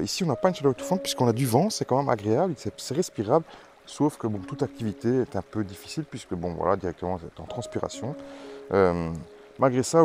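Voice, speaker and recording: A man's voice: lowish voice, a little mellow. A man from Belgium with a Belgian French accent, chatting casually while showing his vegetable garden, rambling with many hesitations and restarts. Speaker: amateur gardener presenting tomato seeds. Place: vegetable garden outdoors in hot weather.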